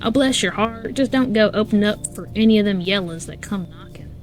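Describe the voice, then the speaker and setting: A woman voicing a folksy, motherly country woman refugee in a put-on Southern country accent, drawling and quiet. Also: mid-range voice, brisk, faint music behind, close to an everyday voice. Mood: folksy, pleading.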